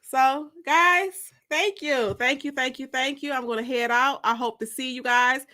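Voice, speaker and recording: An American woman with a bright, forward, fairly high voice hosts a casual livestream; she is also an author. She speaks unhurriedly to viewers in loose, colloquial language, playful and teasing.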